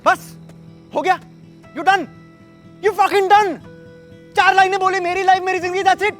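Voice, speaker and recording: A man's voice: extremely high pitch, flat delivery, a little slow, a bit bright, faint music behind. An actor playing an angry young brother scolding his sister in a heated family fight.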